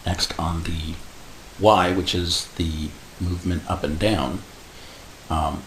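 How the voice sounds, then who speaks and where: A man explaining animation software step by step in a casual tutorial, adding little sound effects like "boom". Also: steady tone, takes it slowly. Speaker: animation instructor. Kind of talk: screen-recorded software tutorial. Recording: echoey room with faint hiss.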